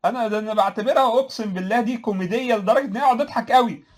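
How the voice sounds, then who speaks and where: Fast, sarcastic Egyptian man. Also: high-pitched. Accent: Egyptian Arabic. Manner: sarcastic, laughs at his own points, many restarts. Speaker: commentator answering viewer comments. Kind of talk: casual political commentary.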